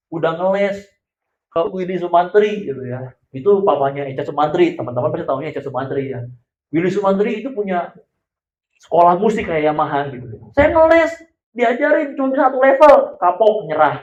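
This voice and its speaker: A man preaching a sermon in a church in a casual storytelling way, swinging between loud and soft. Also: sits high, roomy sound, dull audio. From Indonesia. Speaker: pastor. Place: church hall.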